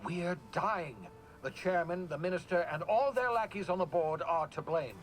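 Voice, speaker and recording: An actor playing an eccentric, rambling colony scientist in a video game, offhand and darkly cheerful. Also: male voice, sits high, normal speed, faint music behind, close to an everyday voice, poor audio. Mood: scheming. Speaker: game character.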